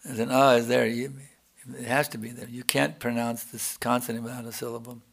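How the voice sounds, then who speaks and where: A man's voice: mid-range voice, flat delivery, fairly quick, vocal fry. A man teaching as a spiritual teacher in a devotional question-and-answer talk, explaining patiently and chanting examples.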